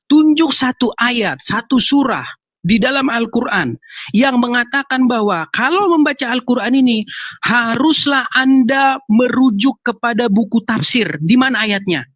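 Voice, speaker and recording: A man's voice: extremely high pitch, lively intonation, measured pace, fairly bright tone, dry recording. A man hosting a heated online debate, speaking insistently and repeating his challenge, from Indonesia. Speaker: debate host.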